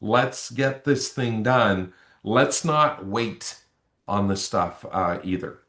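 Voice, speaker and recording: A man's voice: fairly low pitch, slow, a bit bright, echoey room. A man with a Canadian accent presenting in a webinar, upbeat and rallying with short exhortations to take action. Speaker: webinar co-presenter, sales executive. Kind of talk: motivational webinar wrap-up.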